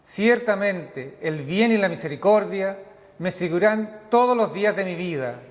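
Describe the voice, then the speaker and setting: Minister, male, high voice, solemn measured liturgy, long cathedral reverb. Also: lively intonation. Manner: solemn, measured prayer reading. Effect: cathedral echo, long reverb. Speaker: minister leading worship. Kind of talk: leading a church liturgy. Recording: long echoey hall reverb.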